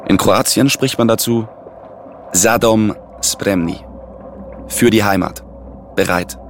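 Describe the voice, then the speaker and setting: A man playing a self-justifying footballer in a scripted monologue, declamatory and deliberate. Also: on the low side, steady tone, slight background noise. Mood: solemn, deliberate. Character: self-justifying footballer giving solemn, deliberate public statements.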